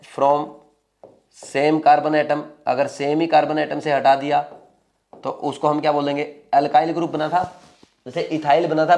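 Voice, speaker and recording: A man's voice: a little high, darkish tone. A man teaching chemistry in a lecture, explaining step by step in mixed with English terms and often checking whether students are following. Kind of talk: classroom lecture at a board.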